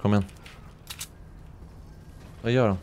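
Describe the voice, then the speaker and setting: A young man from Sweden commentating his own gameplay live, excitable and quick to yelp when something surprises him. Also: slight background noise. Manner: excitable, swings into high-pitched yelps when surprised. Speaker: gaming streamer.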